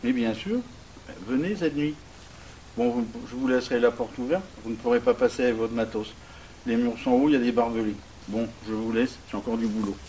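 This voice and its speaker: A man plays a cemetery keeper from an amateur horror short. He speaks flatly and plainly, though what he says is strange. His voice sits at a middle pitch, with a faint hiss behind it. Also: fairly quick, lightly acted, low-quality recording. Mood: odd.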